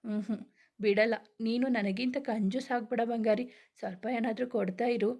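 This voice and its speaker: A woman's voice: on the high side, fairly even intonation, moderate pace, a little mellow. A woman voicing a playful, affectionate young husband who teases and coaxes his new wife. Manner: teasing, coaxing.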